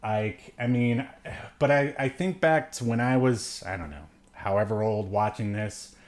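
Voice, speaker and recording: A podcast co-host with a fairly low voice talks about movies at a measured pace, keeping it casual, rambling, and full of jokes as he reviews films.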